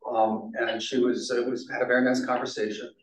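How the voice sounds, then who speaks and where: A man's voice: mid-range voice, little pitch movement, fairly quick. A man speaking as a board member at a city meeting, conversational with hesitant fillers. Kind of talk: public meeting discussion. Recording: echoey meeting room, distant mic.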